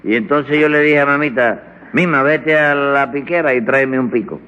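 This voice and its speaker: A man's voice: mid-range voice, normal speed, sharp tone, clean tone, close to an everyday voice. A man with a Cuban accent playing a bumbling, cheeky defendant who rambles and mangles words in a vintage radio comedy, on a dull old recording with reverb. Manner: rambling, mangles words, calls everyone "chico". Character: bumbling, cheeky male defendant full of tall tales. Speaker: defendant in a comic courtroom.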